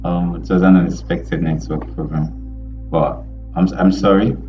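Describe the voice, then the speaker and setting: A male web development instructor teaching a live online lesson over a group voice call, talking in a halting way with many fillers and restarts. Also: sits low, fairly even intonation, muffled recording, soft background music. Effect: heard over an online group voice call.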